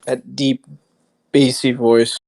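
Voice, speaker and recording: A man's voice: mid-range voice, little pitch movement, creaky, darkish tone. Teasing man trading jokes on a stream. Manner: teasing, fast joking asides. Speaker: stream co-host. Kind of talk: joking live stream banter.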